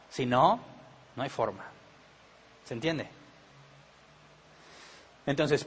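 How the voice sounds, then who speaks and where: A man's voice: on the high side, fairly bright tone, a little hiss or hum. Man teaching with a Monterrey accent. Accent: Monterrey Mexican Spanish. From Monterrey, Mexico. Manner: conversational, asks rhetorical questions. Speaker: pastor. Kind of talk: Bible study teaching.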